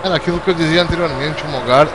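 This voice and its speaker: A man's voice: on the high side, very fast. A man commenting on a motor race as an analyst, in a conversational style. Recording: noisy, car engine noise behind.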